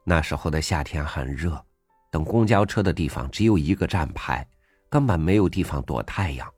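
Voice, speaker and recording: A man hosting a reading program, narrating a first-person essay in a gentle, reflective way. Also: extremely low pitch, expressive, moderate pace, no room sound. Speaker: audiobook host reading an essay. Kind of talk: scripted narration. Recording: dry studio voice over faint music.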